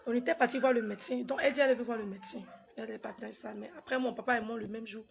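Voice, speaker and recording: Her voice high but roughened by vocal fry and steady in tone, a mother mourning a loss recounts a painful family story against slight background noise. She stumbles, repeats herself, and voices the others' dialogue in a raw, intimate telling.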